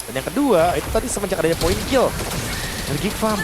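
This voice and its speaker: A woman's voice: fairly low pitch, animated, quick pace. A woman with an Indonesian accent giving analytical esports commentary. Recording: clear background noise over broadcast commentary.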